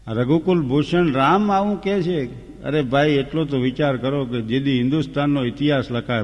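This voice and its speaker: A man's voice: mid-range voice, lo-fi sound. A man retelling an old epic as a folk storyteller, homely and humorous, breaking into sung verses. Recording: long hall reverb.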